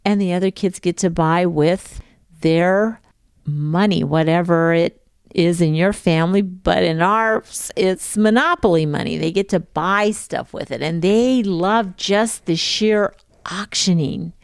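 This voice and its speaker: Low-voiced woman giving a measured talk. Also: gravelly, clean tone, no echo, clean studio sound. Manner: measured, emphatic, folksy. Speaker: homeschooling teacher giving a talk. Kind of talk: talk to parents.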